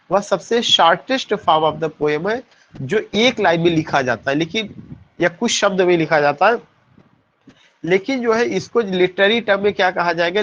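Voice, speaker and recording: A man's voice: high-pitched, fairly bright tone, dull audio. A man teaching poetry terms in an exam-prep lesson, asking questions and answering them, spelling words out letter by letter.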